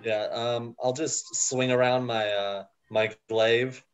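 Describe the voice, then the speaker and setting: A man playing in a tabletop game, talking in a halting, stammering way. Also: medium pitch, fairly even intonation, muffled recording, faint music behind. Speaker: player. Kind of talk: casual tabletop game play.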